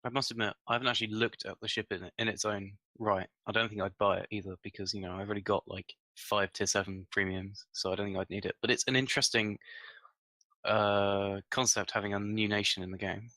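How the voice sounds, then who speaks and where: A man's voice: lowish voice, little pitch movement, fairly quick, bright, forceful tone, no echo, poor audio. A man giving his opinions in a casual gaming discussion as a podcast panelist.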